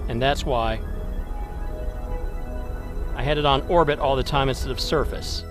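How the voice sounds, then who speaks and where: A man's voice: mid-range voice, unhurried, over music. A man giving wry, self-deprecating live commentary while playing a space game, thinking aloud as he goes. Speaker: game streamer.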